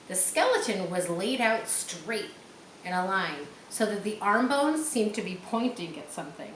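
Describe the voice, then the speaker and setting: Her voice is medium-pitched and a bit bright, with big swings in pitch, as she reads a story aloud. She stops to explain details, define words and check understanding. The room is echoey, with faint background noise.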